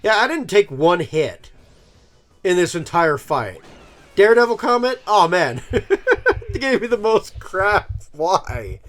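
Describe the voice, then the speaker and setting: A man's voice: sits high, very animated, slow pace, fairly bright tone. A man in his thirties giving rambling, casual let's-play commentary, full of ums and self-amused laughs. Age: 30s. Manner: rambling, filler-heavy, laughs at himself. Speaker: gaming channel host.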